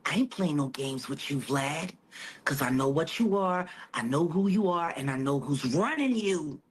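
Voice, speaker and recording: A woman's voice: deep voice, expressive, normal speed, slightly rough. A woman talking as a podcast guest, blunt, emphatic and confrontational. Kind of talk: heated podcast conversation.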